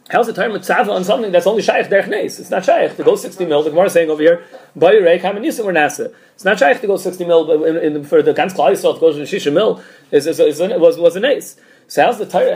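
Man, informal religious lecture, slightly high voice, gravelly fry, halting repeated phrases, thinking out loud. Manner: halting, repeats and restarts phrases mid-thought. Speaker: teacher giving a Talmud class.

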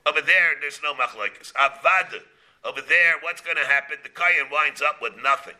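A man with a very bright, forceful, somewhat high voice gives a Talmud lesson. He works through the text in short phrases, repeats them, and asks questions that he then answers himself. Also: moderate pace, poor audio. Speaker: rabbi teaching a class. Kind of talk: Talmud lesson, reading and explaining.

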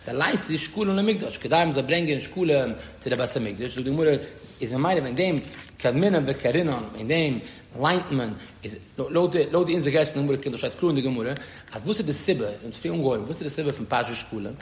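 A man with a Yiddish accent teaching a Talmud lesson as a rabbi, halting and often repeating words as he explains. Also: mid-range voice, animated. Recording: dull echoey room recording with faint noise.

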